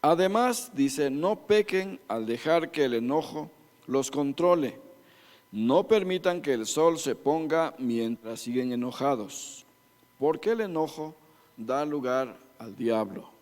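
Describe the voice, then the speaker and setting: A man's voice: mid-range voice, animated, takes it slowly, darkish tone. Joking Ecuadorian man preaching in a hall. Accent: Ecuadorian Spanish. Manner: folksy and joking, addresses listeners as beloved brothers. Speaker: church couples-ministry speaker. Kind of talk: preaching to a congregation. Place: church meeting room. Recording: reverberant church hall.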